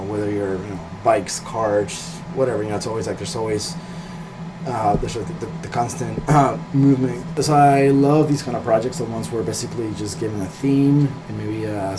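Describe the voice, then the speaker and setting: A middle-aged illustrator from Peru, who later lived in California, is the interviewee here, talking about himself informally and hesitantly as he thinks aloud. His voice is medium in pitch against a noisy background.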